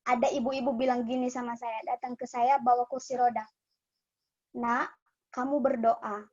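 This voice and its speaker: A woman's voice: a little high, little pitch movement, a little fast, darkish tone. A young woman giving a personal testimony at a church cell group, earnest and emotional, often stopping to restart her sentences. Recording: dull lo-fi sound.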